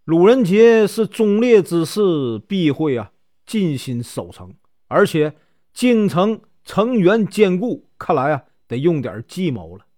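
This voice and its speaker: A man voicing a calm, wise old male strategist who reasons in a measured way in a told story. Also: high-pitched, heavily acted. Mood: thoughtful.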